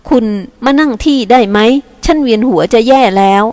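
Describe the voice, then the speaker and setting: A woman's voice: fairly high pitch, a little fast, dry recording, lightly acted. A woman narrator voicing a bossy older housekeeper who scolds and banters with a restless boy. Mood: bantering.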